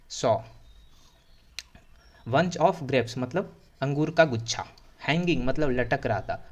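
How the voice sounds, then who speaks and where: A man with a slightly higher voice teaches English in Hindi. He stretches out each English phrase slowly and then hurries through the explanation, checking in often with his students. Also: a little mellow. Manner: repetitive, checking in with "theek hai".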